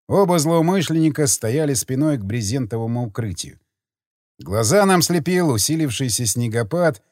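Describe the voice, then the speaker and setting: A man narrating a thriller audiobook in the first person, with expressive, tense storytelling. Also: medium pitch, no echo, studio quality.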